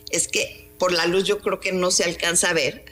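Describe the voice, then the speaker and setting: A woman's voice: on the low side, steady tone, normal speed, a bit bright, soft background music. A woman with a Mexican Spanish accent, a newspaper columnist answering interview questions in an emphatic, combative way, throwing in rhetorical questions.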